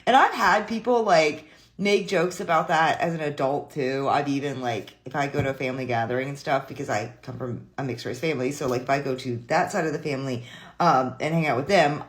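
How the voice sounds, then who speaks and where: Laughing, chatty man telling family stories. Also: a little high. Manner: laughs often, chatty, lots of filler likes. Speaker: commentary host. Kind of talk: casual storytelling.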